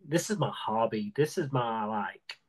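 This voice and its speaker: A man's voice: lowish voice, expressive, measured pace, slightly rough. A man hosting a podcast interview, talking earnestly with frequent stammered restarts. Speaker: podcast host. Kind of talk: casual interview talk.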